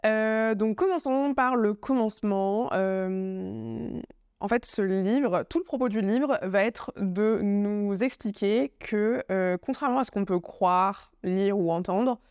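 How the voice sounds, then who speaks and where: A woman's voice: medium pitch, slow pace, a little mellow, clear, resonant tone, no room sound, clean studio sound. A woman with a French accent talking to camera in her home office, chatty and full of fillers and restarts. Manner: chatty, many fillers and restarts, playful asides. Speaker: YouTuber presenting a book review. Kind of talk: casual talking-to-camera vlog. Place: home office with bookshelf, indoors. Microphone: camera facing her, laptop notes in front.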